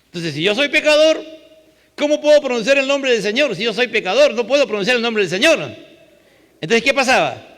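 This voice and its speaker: Peruvian male pastor, high bright voice, chatty sermon full of rhetorical questions, long church reverb. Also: lively intonation, brisk. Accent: Peruvian Spanish. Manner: conversational, asks rhetorical questions with frequent tag "¿no?".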